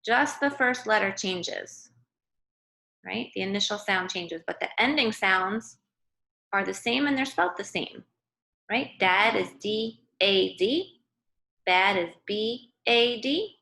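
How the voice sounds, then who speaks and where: An early-grade teacher reads aloud in a remote lesson for young children, explaining simply and checking in often with "okay" and "right?" Her medium-pitched voice is animated, slow, creaky, bright, and forceful, though the audio is poor.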